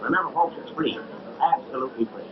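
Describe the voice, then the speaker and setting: An actor playing a glib, flirtatious traveling medicine-show pitchman with grandiose patter in a 1930 talkie. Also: fast talker, close to an everyday voice. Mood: grandiose, hawking. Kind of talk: 1930 early talkie film acting. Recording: noisy, dull 1930 film soundtrack.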